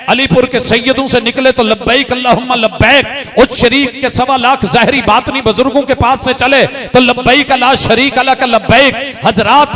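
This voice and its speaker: A man from Pakistani Punjab preaching a sermon with a Punjabi-inflected accent. He uses impassioned oratory built on rhythmic, repeated lists. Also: extremely high pitch. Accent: Punjabi-inflected Urdu.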